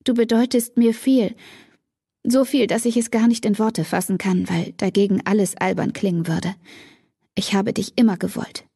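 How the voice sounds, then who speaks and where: A woman's voice: medium pitch, steady tone, moderate pace, dark tone, husky, no room sound, studio quality. A woman voicing an emotional teenage girl, tearful and torn, her voice rising and breaking.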